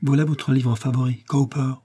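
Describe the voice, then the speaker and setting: A man's voice: medium pitch, fairly even intonation, normal speed, mellow, husky, lightly acted. A man voicing an affectionate young woman coaxing her mother tenderly, in an audiobook reading.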